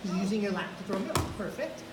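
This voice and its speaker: A female jiu-jitsu instructor coaches hands-on, encouraging a student step by step as they grapple. Her medium-pitched voice is expressive and quick, picked up by a camera far across a large, echoey mat gym with plenty of noise.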